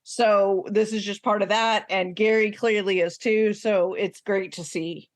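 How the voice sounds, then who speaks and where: A woman's voice: mid-range voice, steady tone, unhurried, no echo. Chatty, emphatic woman podcast co-host. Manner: chatty and emphatic, laughs often. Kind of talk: casual recap chat.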